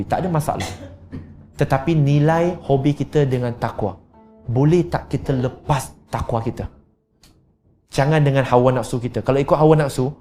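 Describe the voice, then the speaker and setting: A man with a Malaysian accent giving a religious lecture, animated and mixing in English phrases. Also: medium pitch. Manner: animated, mixes in English phrases, acts out dialogues. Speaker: preacher.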